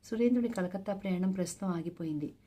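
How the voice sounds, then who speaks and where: A woman storyteller reads a novel aloud in a steady, measured way. Her voice is mellow and middle in pitch. The narration flows evenly from line to line. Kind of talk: reading a translated novel aloud.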